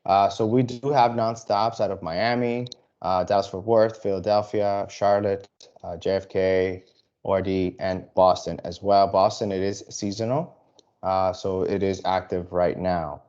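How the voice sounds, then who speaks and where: Travel advisors hear a halting, casual presentation from a Dominican Republic airline sales representative who keeps restarting and using fillers. He has a deep, steady, slightly mellow voice, and the highs in the recording are cut off.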